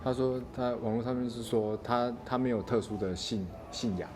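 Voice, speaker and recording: A man's voice: mid-range voice, normal speed. A man interviewing someone in a casual, chatty way, prompting and paraphrasing the answers. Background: music.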